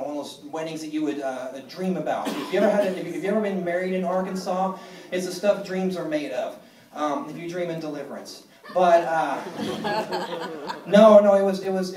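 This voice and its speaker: Male stand-up, dry and self-mocking, slightly high voice, recorded from the crowd in a roomy club. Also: slight background noise. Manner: deadpan, self-deprecating, halting with many fillers. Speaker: stand-up comedian. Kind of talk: stand-up comedy set. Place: comedy club stage. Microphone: phone recording from the audience. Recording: echoey room, mic far from stage.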